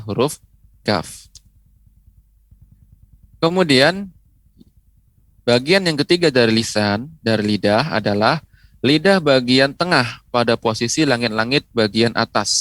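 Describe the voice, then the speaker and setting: A man gives an unhurried TV lesson, drawing out each syllable and adding a gentle "ya" as he goes. His medium-pitched voice sits close and dry on the mic, with no room sound. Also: dry recording. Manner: patient, repeats syllables slowly with frequent "ya" tags. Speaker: Quran recitation teacher. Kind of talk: TV lesson on letter pronunciation. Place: TV studio.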